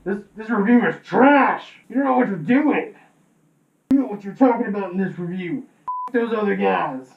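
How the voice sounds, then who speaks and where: Brief: a man playing a high, gravelly conscience voice, drawn out slowly, echoey and muffled. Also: expressive. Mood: tempting.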